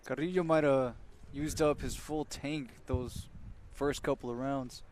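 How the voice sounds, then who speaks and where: A man's voice: mid-range voice, fairly even intonation, unhurried, darkish tone. A man giving casual analysis as a boxing commentator, with faint noise behind him.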